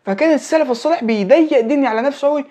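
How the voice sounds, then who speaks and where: A young man in his late teens with an Egyptian Arabic accent races through a casual religious talk, repeating phrases and checking in with the listener. His voice is extremely high but has a dark tone.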